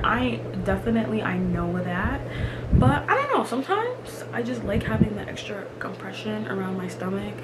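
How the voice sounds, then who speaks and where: A young woman vlogging in casual chat, emphatic and chatty with lots of fillers, in a small room. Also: medium pitch. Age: young adult. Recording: loud room ambience noise.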